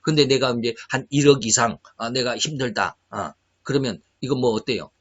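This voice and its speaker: A man preaching a sermon in an earnest, confessional way, often pausing with hesitant fillers. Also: medium pitch, fairly bright tone, breathy edge. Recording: dull lo-fi recording.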